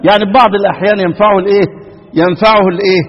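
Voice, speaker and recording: A middle-aged man with an Egyptian accent, teaching a lesson on a poem about Quran readings. He asks the class questions, answers them himself, and slowly chants the verses he quotes. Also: high-pitched, fairly even intonation, highs cut off. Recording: lecture hall with long reverb.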